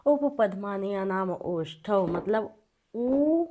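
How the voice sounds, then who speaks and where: A woman's voice: mid-range voice, lively intonation, slow pace, warm tone, slight background noise. A woman teaching Sanskrit sounds, reciting and repeating terms while writing on the board.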